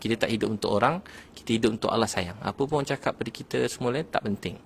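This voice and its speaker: A Malaysian man giving a casual religious talk, telling stories in an animated way with many "ha" fillers. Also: fairly low pitch, very fast, slight background noise. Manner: animated storytelling, frequent "ha" fillers. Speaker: religious preacher.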